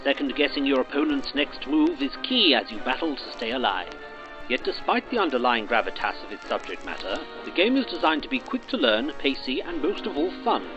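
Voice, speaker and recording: A man's voice: medium pitch, big pitch swings, brisk. A man reading a scripted game review in a dramatic, documentary manner. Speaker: review narrator. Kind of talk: scripted narration. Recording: dull voice-over with music bed.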